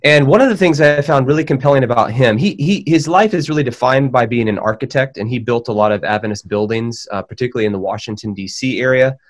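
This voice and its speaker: A man speaking as a panel guest, telling a biography in a thoughtful, conversational way with frequent pauses and restarts. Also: mid-range voice. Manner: thoughtful, many fillers and restarts.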